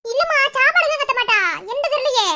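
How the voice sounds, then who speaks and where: Anxious young mother, voiced by a woman, Madurai accent, fast, bright, very high. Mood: worried. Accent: Madurai Tamil. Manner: anxious, quick. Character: worried young village mother.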